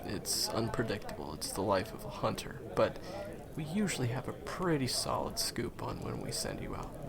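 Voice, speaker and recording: In an audio roleplay, a man plays a friendly guide to monster hunters, explaining things casually and reassuringly right to the listener with hesitant asides. His mid-range voice has vocal fry, and busy crowd chatter fills the background.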